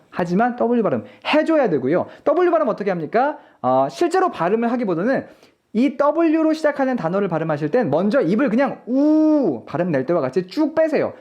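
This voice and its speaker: Online lecture teacher; polite and encouraging, animated intonation, repeats words slowly for viewers. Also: medium pitch, muffled recording. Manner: patient, demonstrates example words slowly and repeats them. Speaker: English pronunciation teacher.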